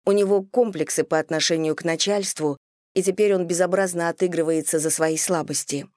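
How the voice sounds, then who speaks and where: An audiobook narrator reading a novel in steady, even scripted narration. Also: mid-range voice, fairly quick, no room sound, clean studio sound.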